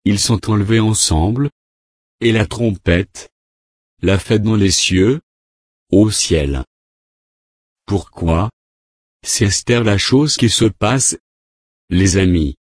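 A man preaching a sermon, reading scripture verses and quotes aloud in a measured, deliberate way. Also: lowish voice, no echo, clean studio sound.

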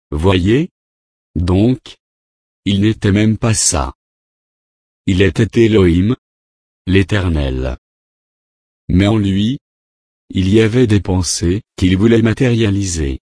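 A man preaches in a slow, deliberate cadence, reading verse after verse. His voice sits fairly low and the recording is dry and close, with no room around it. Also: no room sound. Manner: slow, measured, repeats divine names in a steady cadence. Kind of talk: slow Bible-study sermon reading scripture.

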